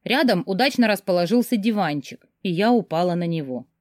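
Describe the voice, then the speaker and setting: A woman's voice: medium pitch, animated, fairly quick, a little mellow, no echo, studio quality. A woman narrating a story in the first person, reading expressively. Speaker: audiobook reader.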